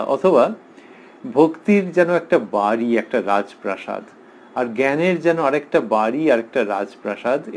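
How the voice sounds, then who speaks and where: Measured Bengali man explaining scripture. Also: mid-range voice, darkish tone, a little hiss or hum, rough recording. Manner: slow, measured, explanatory, reads and comments on passages. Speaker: lecturer on scripture. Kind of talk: reflective spiritual discourse.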